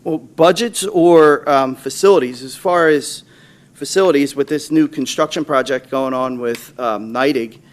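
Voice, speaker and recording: A middle-aged American man of average pitch gives an unscripted interview answer. He speaks haltingly, breaking off and rephrasing as he lays out his case. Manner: halting, self-correcting. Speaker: candidate being interviewed for a school board. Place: public board meeting room.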